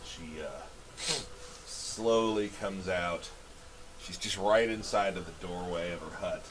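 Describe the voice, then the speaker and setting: A man's voice: low voice, takes it slowly, background noise. A man running a tabletop fantasy game as game master, improvising narration of scenes and asking players for their turns. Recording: music playing behind the voice.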